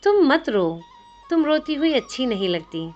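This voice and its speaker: A woman's voice: high-pitched, very animated, measured pace, darkish tone, pitched above the performer's own voice. A woman voicing a playful, teasing young man with a divine air, in a narrated devotional story. The recording sounds slightly dull, with faint music behind. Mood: tender. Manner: teasing, coaxing.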